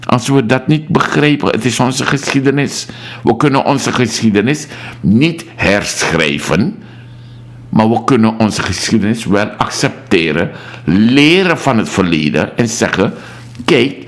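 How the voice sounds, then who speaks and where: A man with a mid-range voice and a Surinamese Dutch accent hosts a political call-in radio talk show. He speaks emphatically and reads out messages from listeners.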